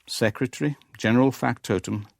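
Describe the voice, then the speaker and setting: In a radio drama, a male actor narrates and plays the lead, a worldly Levantine businessman, speaking in first person and in dialogue with a wry, matter-of-fact, dry and clipped manner. He has a mid-range voice with vocal fry, speaks a little fast, and the recording is dry.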